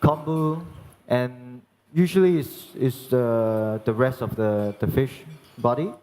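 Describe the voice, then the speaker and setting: A young man from Hong Kong, working as a chef, giving a live cooking demonstration and explaining each step in a halting way with many restarts. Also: medium pitch, steady tone, mellow. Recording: long reverb in a large hall.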